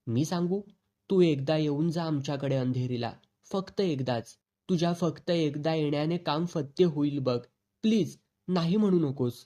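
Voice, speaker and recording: A man's voice: on the high side, moderate pace, mellow, natural voice. A man reading as a pleading, anxious old friend. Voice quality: pleading, helpless.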